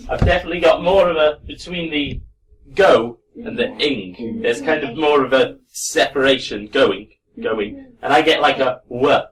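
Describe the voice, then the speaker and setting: Teacher explaining pronunciation, distant mic. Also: male voice, on the high side, crowd noise. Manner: relaxed, many fillers, demonstrates words slowly. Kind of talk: classroom lesson. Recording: distant mic with faint room noise.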